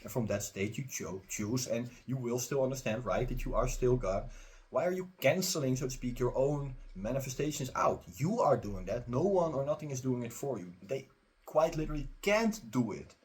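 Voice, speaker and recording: A man's voice: medium pitch, lively intonation, normal speed, darkish tone, slightly rough. A man who runs a spiritual teaching channel, talking straight to his viewers in a casual, emphatic, repetitive way. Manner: emphatic, repetitive, urging the listener. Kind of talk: casual spiritual pep talk.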